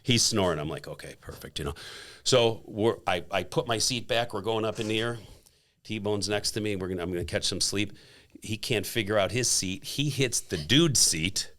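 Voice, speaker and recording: A man in his fifties, a podcast guest, telling a story in a casual, animated way and acting out the quotes. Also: fairly low pitch, moderate pace. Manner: animated, acts out quotes with laughs.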